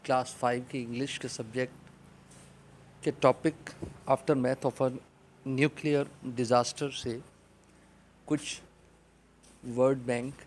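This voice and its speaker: A man with a Pakistani accent teaching an online English class to children, saying each vocabulary word loudly and repeating it for them to copy. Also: medium pitch, slight background noise. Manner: opens with an Arabic prayer, then explains in Urdu.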